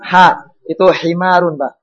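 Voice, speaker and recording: A man's voice: high-pitched, steady tone, unhurried, dull audio. A man teaching an Arabic class, calling on students to read and patiently repeating words and their meanings.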